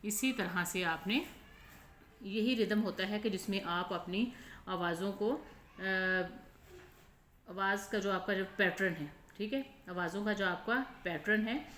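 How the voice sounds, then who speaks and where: A woman's voice: medium pitch, a bit bright. Pakistani teacher woman, patient lesson voice. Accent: Pakistani Urdu. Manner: explains slowly, repeats "ठीक है?" often. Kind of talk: online lesson explanation. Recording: echoey room with faint noise.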